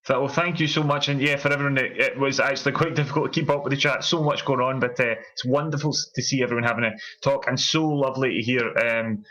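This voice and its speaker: Bright-voiced podcast host. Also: male voice, mid-range voice, fairly even intonation, fast, few pauses, muffled recording. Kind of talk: casual podcast chat.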